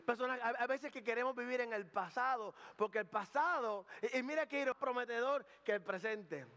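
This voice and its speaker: Preaching in a chatty style, this man jokes, goes off on asides, slips in English words, and repeats himself often. He's a pastor with a very high, sharp-toned voice at a moderate pace, heard through long hall reverb.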